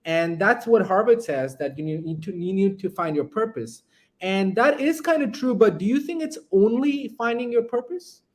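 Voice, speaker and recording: A man's voice: high-pitched, expressive, normal speed. A man chatting casually as the interviewer of a talk show. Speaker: interviewer, host.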